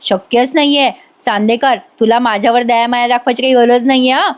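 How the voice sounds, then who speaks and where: Brief: woman reading as an indignant young wife, sharp retorts, pitched up when annoyed. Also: steady tone, a little fast, close to an everyday voice. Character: irritated young wife, quick to snap.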